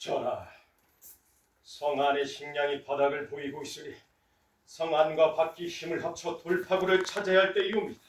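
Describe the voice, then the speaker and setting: A man's voice: on the high side, fairly even intonation, moderate pace, lightly acted. A man playing an upright, defiant royal official in a historical stage drama, speaking in formal, archaic declamation. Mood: earnest, urgent. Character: upright, defiant male court official urging war. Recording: echoey hall, distant microphone.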